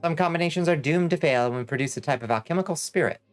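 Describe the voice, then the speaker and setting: A man's voice: a little high, fast, soft background music, pitched above the performer's own voice, lightly acted. A man voicing a helpful alchemist shopkeeper from a fantasy game, formal and instructive. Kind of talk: fantasy video game character read aloud.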